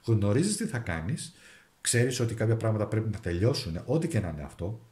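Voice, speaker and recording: Lively-voiced Greek man reading tarot. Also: fairly low pitch, echoey room. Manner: thinks aloud while drawing and reading cards, with restarts. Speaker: tarot reader. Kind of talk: monthly tarot and zodiac forecast.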